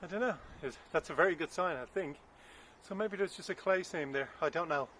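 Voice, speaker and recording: A fairly high-voiced man talks to a camera on a stand out in his windy garden, a little out of breath from digging. He chats loosely, thinking aloud and trailing into unsure asides. Faint outdoor hiss and passing traffic sit behind him. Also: a little fast, pushed and bright. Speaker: gardening vlogger. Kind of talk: casual vlog narration while digging.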